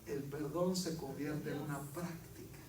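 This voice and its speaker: A high-pitched male pastor preaches with fervor, calling on his congregation to repeat after him and acting out little dialogues. His voice rings through an echoey church hall, picked up from a distance. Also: steady tone, unhurried, a crowd in the background. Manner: fervent, leads the congregation in call-and-response; acts out prayers and dialogues in shifting voices. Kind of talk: preaching sermon.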